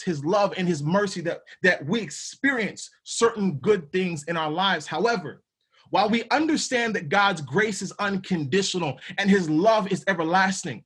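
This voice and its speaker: A man with a high, husky voice leads a podcast Bible study. He teaches casually but with emphasis, using slang and often repeating words as he goes. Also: a bit bright.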